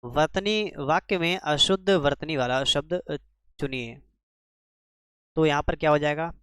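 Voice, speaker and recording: Male teacher, exam-prep lesson, smooth clear voice, slightly high, dry close sound. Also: measured pace, fairly bright tone, no echo. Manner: quizzing, repeats answers with rhetorical questions.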